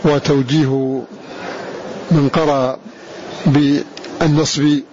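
A man giving a measured lecture on Quran readings, repeating verse lines slowly before explaining them. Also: a little high, flat delivery, a little mellow. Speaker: Quran recitation teacher. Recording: dull lo-fi recording with clear hiss.

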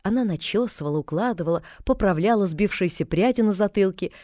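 A woman reads a storybook aloud with calm, even delivery. Her voice is warm and mellow, and the recording is dry and close with no room sound. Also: medium pitch, quick pace, no room sound. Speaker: audiobook narrator. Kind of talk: scripted narration.

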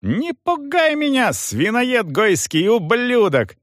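A man's voice: wildly swooping pitch, slow pace, fairly bright tone, no room sound, studio quality, heavily acted. A man voicing a hot-headed young man who shrieks and rages in an audiobook. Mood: shrieking rage. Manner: shrill, screaming, outraged.

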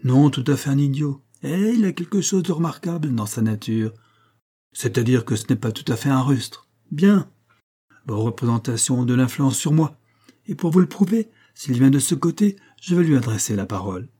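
Un homme qui lit une jeune femme fière, vive et ironique, dans un livre audio. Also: male voice, mid-range voice, expressive, normal speed, dark tone, husky, voice pushed up. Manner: ironique, railleuse.

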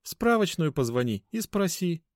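A lively young woman chatters eagerly in a high, swooping voice, as a man performs her. She is curious and playful. The recording is close and dry. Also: normal speed, no echo. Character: young female office worker, lively, curious, teasing. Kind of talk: audiobook character voice.

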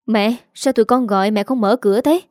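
A dutiful middle-aged son, earnest and pleading as he frets over his mother, voiced by a woman reading the story. The tone is warm and soft, in a dry, close sound. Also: fairly high pitch, brisk, no room sound, lightly acted. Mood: anxious.

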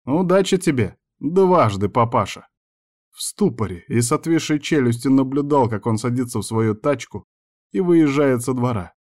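A man's voice: medium pitch, moderate pace, dark tone. A man reading an audiobook as first-person narration, wry and matter-of-fact.

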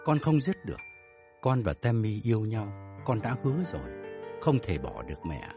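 A man voicing a calm, stubborn young adult son who answers in short, plain, steady sentences in an audio drama. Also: lowish voice, normal speed, over music. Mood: firm.

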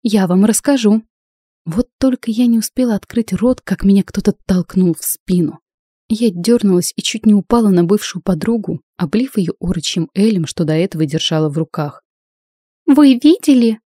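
Mellow-voiced woman reading a novel. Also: mid-range voice, moderate pace, slightly rough, no echo, studio quality. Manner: expressive, acts out the heroine's lines. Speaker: audiobook narrator. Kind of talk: first-person fantasy novel reading.

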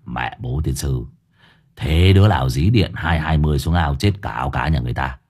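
A man voicing a gruff, coarse henchman who grumbles and curses in a deep, dropped voice. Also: brisk, darkish tone.

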